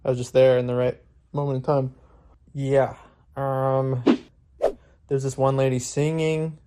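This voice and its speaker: A young man from Florida talks casually into a handheld phone, rambling and hedging with many fillers, laughing now and then. His pitch sits in an ordinary middle range for a man. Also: flat delivery, a little slow, dark tone, clear, resonant tone. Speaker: vlogger. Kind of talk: casual vlog talk. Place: outdoors at a street protest, later his room.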